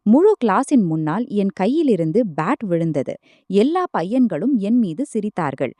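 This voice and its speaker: A woman's voice: medium pitch, sing-song, moderate pace, warm tone, no room sound, close to an everyday voice. A woman voicing a frightened, tearful teenage schoolgirl in a storybook reading. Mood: distraught. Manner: crying, pleading.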